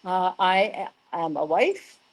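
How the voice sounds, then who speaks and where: A woman's voice: lowish voice, takes it slowly, low-quality recording. A woman in her seventies from Canada introducing herself casually on an online panel. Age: 70s. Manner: relaxed, chatty. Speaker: panel guest.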